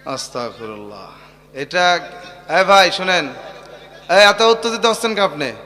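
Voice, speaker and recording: High-pitched shouting preacher man. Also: animated, a little slow, in a large hall. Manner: impassioned, often shouting. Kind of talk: fiery outdoor sermon.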